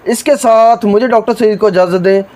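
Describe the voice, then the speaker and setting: A man hosting a medical video channel, explaining a medicine in a steady, formulaic way with lots of filler words and repeated stock phrases. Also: sits high, fairly quick.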